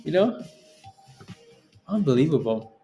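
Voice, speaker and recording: Mellow-voiced man, blunt live trading host. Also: a little high, sing-song, a little slow, lo-fi sound, faint music behind. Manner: exasperated, blunt, repeats himself for emphasis. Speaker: day-trading livestream host. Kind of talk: casual live trading commentary.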